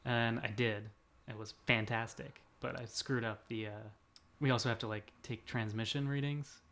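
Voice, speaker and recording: A young man in his twenties with a gravelly, creaky voice, talking casually as a podcast co-host. He rambles through stories with self-deprecating humor and laughs often. His pitch sits in an ordinary middle range. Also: steady tone, moderate pace, a bit bright. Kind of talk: casual chat.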